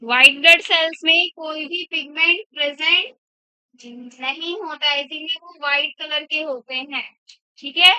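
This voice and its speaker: A woman's voice: high voice, unhurried, pushed and bright, no echo. A woman biology teacher lecturing in a classroom, asking the class questions and repeating their answers back, in a dull lo-fi recording. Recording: dull lo-fi sound.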